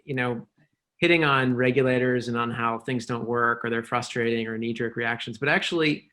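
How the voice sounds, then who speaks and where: Mid-pitched male panelist, measured and explanatory. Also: steady tone, pushed and bright. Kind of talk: panel discussion.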